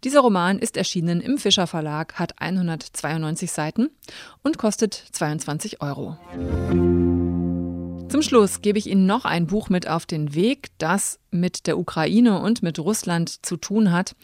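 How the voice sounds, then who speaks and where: A woman hosting a literary radio podcast, asking clear questions and reading announcements in a composed way. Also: lowish voice, animated, moderate pace, faint music behind. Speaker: radio host.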